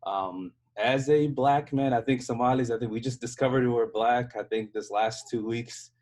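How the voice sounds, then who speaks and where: This man, a US software engineer on an online panel, talks from a hotel room in a mid-range, steady, somewhat dark voice at a moderate pace. His American-accented delivery is casual and explanatory, with restarted sentences and frequent "right?" check-ins.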